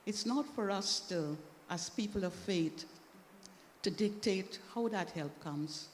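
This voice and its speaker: In an echoey church hall with faint background noise, a woman sits on a panel for a church discussion. Her mid-range voice is slow, and she speaks earnestly and with emphasis.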